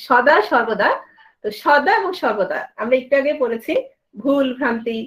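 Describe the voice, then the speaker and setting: A woman with a high voice and a Bangladeshi Bengali accent teaches a grammar class. She keeps asking her students questions and then answers them herself. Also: moderate pace, fairly bright tone, poor audio. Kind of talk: grammar lesson.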